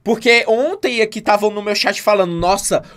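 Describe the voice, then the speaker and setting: A man's voice: high voice, fairly even intonation, a little fast, a bit bright. A man with a Brazilian Portuguese accent chatting casually on a live stream, complaining in a dramatic, teasing way with some swearing, on a desk mic. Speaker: streamer reacting to clips.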